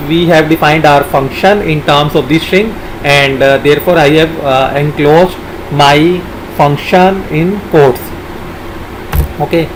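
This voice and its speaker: Halting man dictating tutorial steps, noisy background. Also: on the high side. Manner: halting, dictates code and formulas piece by piece. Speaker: tutorial instructor. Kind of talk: software tutorial narration.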